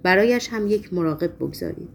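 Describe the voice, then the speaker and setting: A woman's voice: on the low side, animated, creaky, slight background noise. A woman reading a story aloud, voicing a polite, firm female doctor in a clinic.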